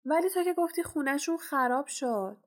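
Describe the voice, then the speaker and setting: A woman voicing an eager, anxious young boy wizard in a storybook reading, speaking excitedly and full of questions. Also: high voice, voice pushed up. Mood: urgent.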